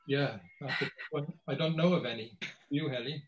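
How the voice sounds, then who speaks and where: A man's voice: medium pitch, a little fast, lo-fi sound, slight background noise. A man speaking as a guest in an academic panel conversation over a video call. He talks hesitantly, with many restarts and repeated words.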